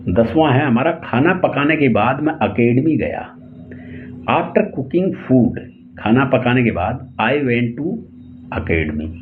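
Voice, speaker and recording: A man with an Indian accent teaches English tenses, stretching out each example sentence word by word at a very slow pace. His voice comes through a thin, phone-like channel. A faint hiss runs under the recording. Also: medium pitch, sing-song. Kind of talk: explaining English tenses in Hindi.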